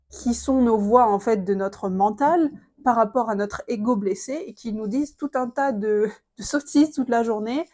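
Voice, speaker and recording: A woman's voice: fairly high pitch, a little mellow. A young woman talking earnestly and reflectively to camera, sharing personal advice with a lot of hesitation fillers. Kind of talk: casual confiding talk to camera.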